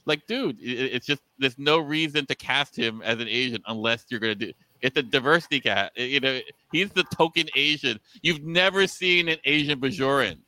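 A man chats casually as a podcast co-host, his voice bright and forceful. His tone is smooth and clean, recorded close and dry. He tells stories animatedly, laughing and restarting his sentences. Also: medium pitch, moderate pace, hardly any pauses, no echo, poor audio. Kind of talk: casual chat.

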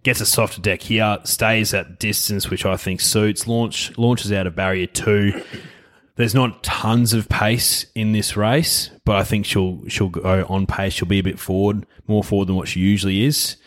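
Australian man, low-pitched voice, casual racing tipster, conversational co-host style. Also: fairly even intonation, unhurried. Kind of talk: casual horse racing tips chat.

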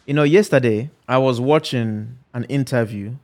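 A man conducts a conversational interview in an engaged, thoughtful way. He builds long reflective questions and retells stories at length. His voice sits at a middle pitch. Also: moderate pace, darkish tone. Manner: engaged, relays anecdotes, frequent listening murmurs.

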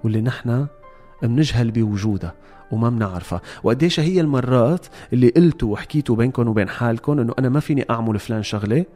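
A man's voice: medium pitch, lively intonation, racing, dark tone, faint music behind. A man with a Levantine Arabic accent hosting a motivational explainer, speaking directly to listeners in an instructive, emphatic way. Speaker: host of a self-help series.

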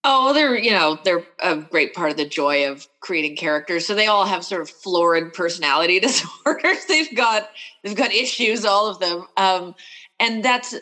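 A woman's voice: fairly low pitch, normal speed, low-quality recording. A woman author reading from her novel expressively, then chatting about her characters. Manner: expressive reader, chatty with fillers. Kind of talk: book reading and interview chat.

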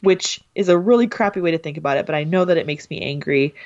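A woman in casual chat, emotional and animated, talking with many filler words. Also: deep voice, fast talker, dry recording, muffled recording.

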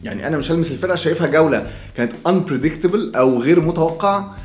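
A man's voice: fairly high pitch, animated, fast, a little mellow, reverberant, faint music behind. A man with an Egyptian accent hosting a casual chat, joking and playful. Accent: Egyptian Arabic. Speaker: host.

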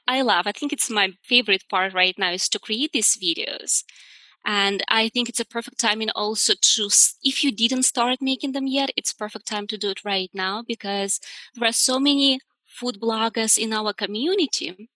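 Lady food blogger on a podcast, bright voice, talks loose and friendly. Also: mid-range voice, no echo. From Russia. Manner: chatty, laughs easily, loose grammar. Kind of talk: casual interview.

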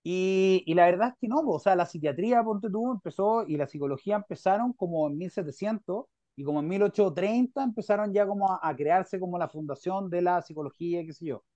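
A man's voice: high voice, brisk, hardly any pauses, no echo. Young Chilean man, podcast host on a dry, dull call line, chatty and rambling. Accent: Chilean Spanish. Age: young adult. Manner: rambling, filler-heavy, animated. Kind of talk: casual conversation on a video call. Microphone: video call.

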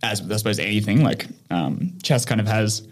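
Speaking at a moderate pace in a fairly low voice, the founder of an online chess training site muses on things during a relaxed interview, laughing frequently as he gropes for words.

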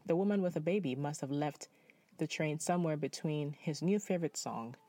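A young Nepali man tells a personal story in spoken-word style, measured and reflective. His voice is a little high and mellow, and the recording is dry.

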